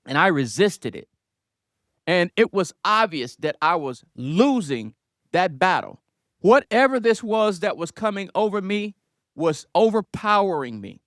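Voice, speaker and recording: A man's voice: high-pitched, fairly bright tone, dry recording, clean studio sound. A man telling his personal testimony in an earnest, reflective way, sometimes turning to ask the listeners questions. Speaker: speaker giving testimony.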